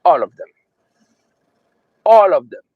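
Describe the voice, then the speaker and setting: Slow, emphatic Haitian-accented man. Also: no room sound, phone-quality sound. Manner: emphatic, repeating phrases, slow drawn-out stresses. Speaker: motivational speaker. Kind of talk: motivational talk.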